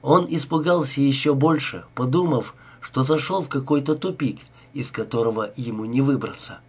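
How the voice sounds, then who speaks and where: A man reading a crime story aloud as narrator in a steady, even manner. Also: medium pitch, moderate pace, breathy edge. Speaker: audiobook narrator. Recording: dull lo-fi recording.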